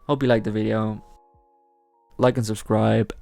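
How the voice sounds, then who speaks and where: Guy ranting about a comic, gravelly voice, dry close mic. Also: on the low side, flat delivery, a little slow, darkish tone, dry recording, soft background music. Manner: blunt, exasperated critique, swears. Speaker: comics commentary host. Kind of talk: casual commentary vlog.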